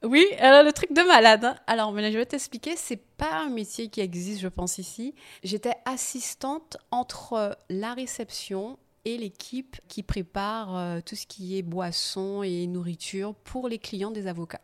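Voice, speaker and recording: Lively woman telling her story. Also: medium pitch, measured pace, hardly any pauses. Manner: lively, laughing, animated when telling anecdotes. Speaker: podcast guest. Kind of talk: casual storytelling interview.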